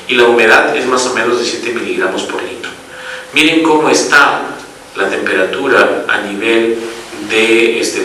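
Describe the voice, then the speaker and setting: A man's voice: fairly low pitch, sharp tone, heavy reverb, recorded from a distance, a little hiss or hum, low-quality recording. A man giving a medical lecture as a pediatric doctor, explaining step by step and often checking that the audience follows.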